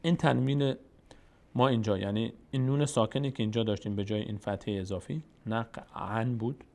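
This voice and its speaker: With a Tajik accent, a man patiently teaches the rules of Quran recitation, repeating words slowly to demonstrate how they are pronounced. His voice sits in the mid range, darkish in tone with some vocal fry.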